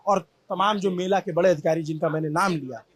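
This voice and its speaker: A man's voice: high voice, fairly even intonation, brisk. Impassioned man reporting from the scene. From Prayagraj, India. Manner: impassioned, emphatic, rhetorical. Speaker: field reporter. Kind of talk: on-site news report. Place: at a damaged shop after a crowd crush.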